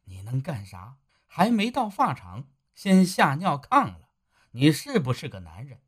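A woman's voice: deep voice, huge pitch swings, a little slow, breathy edge, exaggerated voice. A woman voicing a timid young village man who stammers nervously and frightens easily. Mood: self-reproach.

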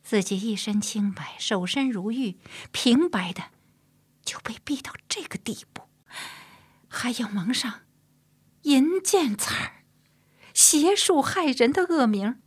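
A woman's voice: a little high, animated, slow pace, slightly rough, no echo, pitched above the performer's own voice, exaggerated voice. A woman voicing a proud, bitter young woman outlaw who pleads her case plaintively.

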